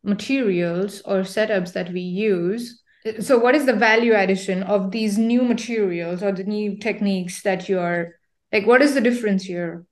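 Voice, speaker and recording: A woman's voice: mid-range voice, normal speed. A young woman hosting a casual science podcast interview, bubbly and playful, joking about herself. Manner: bubbly, playful, self-deprecating. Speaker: podcast host.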